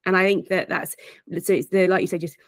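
A middle-aged woman coach with a low voice talks direct and emphatic in a casual interview. Her voice is recorded close and dry, with no room sound. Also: steady tone, a little fast, no room sound. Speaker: guest, performance and corporate coach.

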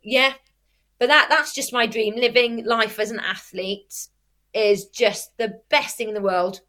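Crowd noise surrounds this woman, whose voice sits on the high side with a steady tone and a measured pace. She can't pronounce R well, turning it into w. As an athlete and youth sports coach, she talks casually in an interview, using examples and correcting herself.

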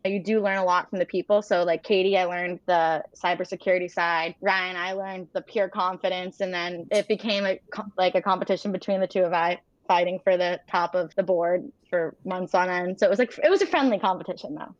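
A young woman talking casually in an interview, chatty and animated, with frequent fillers. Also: on the low side, fairly quick, hardly any pauses, no room sound. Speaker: interview guest, former sales rep. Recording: dull, dry lo-fi sound.

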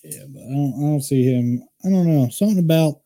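A man's voice: on the high side, fairly quick, dark tone. A man co-hosting a casual sports chat, rambling and opinionated, restarting his sentences often. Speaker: podcast co-host.

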